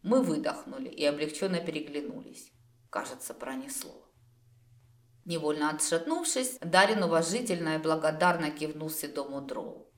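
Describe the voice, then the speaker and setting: A woman narrates a fantasy audiobook in first person, expressive and a little wry. Her voice is low but moves up and down a lot. It is a home recording with a clear room echo. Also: normal speed. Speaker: audiobook reader.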